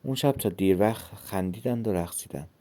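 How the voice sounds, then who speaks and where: A man reading a story aloud in a steady narrating manner, with a gravelly voice. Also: on the low side. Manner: steady storytelling, lightly voicing the characters.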